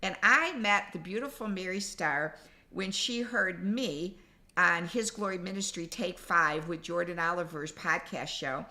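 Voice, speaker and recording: A woman's voice: fairly low pitch, a little slow, pushed and bright. A woman hosting a conference chat, chatty and enthusiastic as she introduces speakers. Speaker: conference host. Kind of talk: casual chat.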